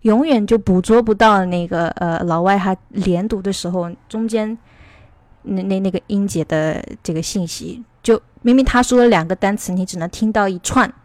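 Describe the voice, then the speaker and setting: A woman's voice: medium pitch, normal speed, darkish tone, dry recording. A woman from China teaching English in a casual online lesson, rambling and explaining at length.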